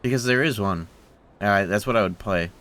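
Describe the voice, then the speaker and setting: A man's voice: on the low side, fairly quick, fairly bright tone. A man streaming a video game, chatting casually and rambling into rants with plenty of swearing. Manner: rambling, ranty, swears freely. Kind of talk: casual livestream chat.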